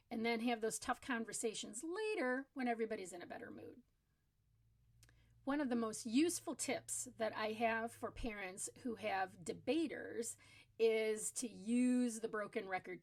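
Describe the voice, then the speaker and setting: A middle-aged woman hosts her own advice channel, offering parenting tips casually to the camera. Her voice is on the high side, and she explains earnestly, repeating words for emphasis.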